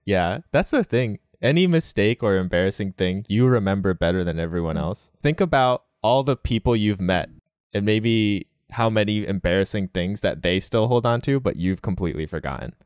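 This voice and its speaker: A young man in a casual interview, talking about learning Japanese, relaxed, often laughing and saying "like". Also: fairly low pitch, moderate pace, smooth, no echo, studio quality.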